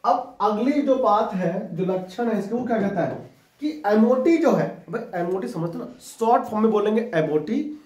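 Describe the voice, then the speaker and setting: Dictating chemistry notes to a class, this man keeps checking that students have understood and copied everything. He has a high, expressive, slightly mellow voice at normal speed, recorded from far off in an echoey room with dull sound.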